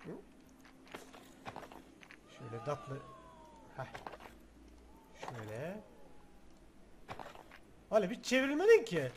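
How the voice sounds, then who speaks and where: A young man giving casual let's-play commentary, excitable and chatty, talking to the game's objects with mock threats and sudden shouts. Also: sits high, slow, long pauses, very noisy. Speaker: gaming video host.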